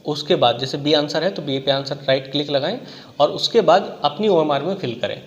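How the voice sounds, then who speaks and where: A man with a fairly high voice coaches students on exam strategy. He talks in a conversational way, pausing to check that they follow and working through examples. The recording is muffled, with a long reverb behind him.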